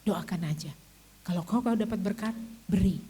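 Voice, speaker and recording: A woman's voice: mid-range voice, normal speed, mellow, slight background noise, poor audio. An older woman giving a testimony in church in a chatty, confiding way, often laughing and praying aloud. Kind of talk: testimony sermon.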